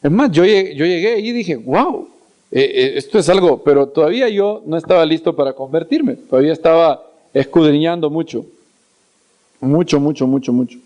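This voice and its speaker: Male preacher, slightly high voice, lively storyteller who acts out scenes. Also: moderate pace, lo-fi sound. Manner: repeats words for emphasis. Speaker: preacher and Bible teacher. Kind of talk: storytelling sermon.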